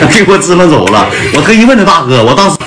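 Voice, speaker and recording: A man's voice: a little high, sing-song, fast, over a noisy crowd. A man telling a story to his listeners in a blunt, slangy way, laughing as he goes. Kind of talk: casual storytelling to an audience. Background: music.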